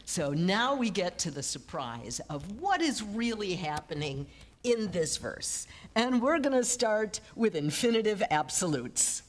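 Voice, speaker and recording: A woman's voice: mid-range voice, a little slow. A woman rabbi giving a conversational teaching sermon in a church, joking with the congregation. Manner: lively, conversational, jokes with the congregation. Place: church sanctuary.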